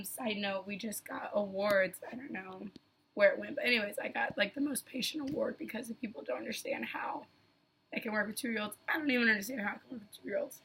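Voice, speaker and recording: A young woman, a daycare teacher, talking casually to camera while losing her voice, so she sounds hoarse and often slips into a whisper. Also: on the high side, sharp tone, a little hiss or hum, low-quality recording. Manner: goofy, laid-back, chatty. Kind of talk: casual video talk.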